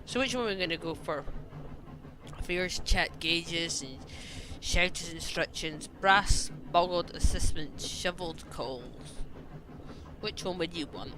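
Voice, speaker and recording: A streamer in a live broadcast, alternating between reading a story game's narration aloud and asking viewers which choice to make. The voice sits in a middle range, relaxed and conversational, with steady background noise under it. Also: medium pitch, slow pace. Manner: reads game text aloud and chats with viewers.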